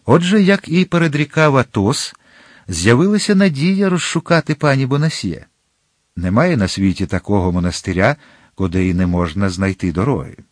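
A man narrating an audiobook in a measured, expressive way. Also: medium pitch, dry recording, clean studio sound.

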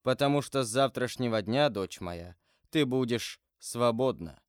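A male narrator plays a grave, brooding nobleman in an audiobook, solemn and measured. His voice is smooth and clear, recorded close and dry. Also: medium pitch, animated, dry recording, close to an everyday voice. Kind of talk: audiobook character voice.

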